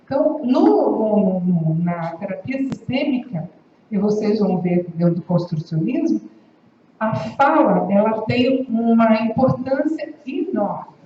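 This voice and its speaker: A woman's voice: on the high side, animated, a little slow. A woman giving a conversational university lecture, often checking in with her listeners. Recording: echoey hall, distant, dull, faint hiss.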